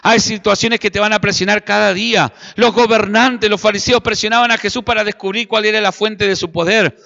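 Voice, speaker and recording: Argentine pastor guy preaching hard, bright sharp voice, echoey hall, kinda dull lo-fi sound. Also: high-pitched, fairly even intonation, brisk, vocal fry. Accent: Argentine Spanish. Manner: fervent preaching, calls on the congregation to respond. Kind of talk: sermon.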